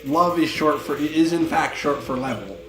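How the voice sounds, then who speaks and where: A man's voice: a little high, animated, moderate pace. A man co-hosting a let's play with casual gameplay commentary. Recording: echoey room, game music behind. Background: game music.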